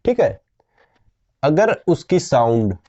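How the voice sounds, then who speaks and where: A man teaching a grammar lesson at an unhurried, patient pace. He asks his class questions and answers them himself. His voice is mellow and comes through a somewhat dull, lo-fi recording. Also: fairly high pitch, big pitch swings. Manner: slow, patient explaining with frequent questions to students.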